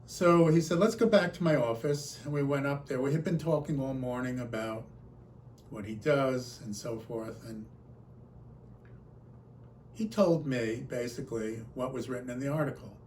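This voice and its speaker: At a conference, a male storyteller relays a personal anecdote with animated expression, acting out the quoted exchanges. His pitch is average for a man and his pace moderate, while noise can be heard behind him in the recording.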